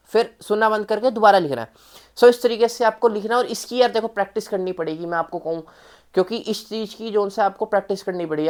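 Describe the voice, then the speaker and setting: A woman's voice: medium pitch, a little mellow. A woman giving a casual exam-prep lesson, mixing in English phrases, talking to viewers in a familiar way and repeating key points. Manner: mixes Hindi with English phrases. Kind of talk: casual spoken lesson to students.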